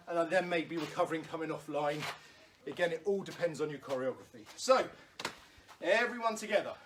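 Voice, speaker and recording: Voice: medium pitch, a little hiss or hum. Patient stage combat instructor calling drills. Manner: patient, reassuring, explains step by step with light laughs. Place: room at home during lockdown. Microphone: camera in front of a standing speaker.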